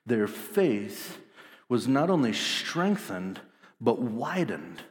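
Animated male preacher in a reverberant hall. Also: mid-range voice, extremely slow. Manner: animated, acts out voices of disciples. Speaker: pastor. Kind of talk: sermon.

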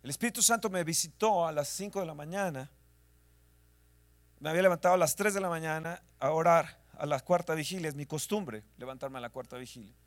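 A male pastor preaching a sermon, dropping to hushed whispers and rising to shouts, sometimes singing scripture lines. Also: fairly high pitch, fairly quick, no echo.

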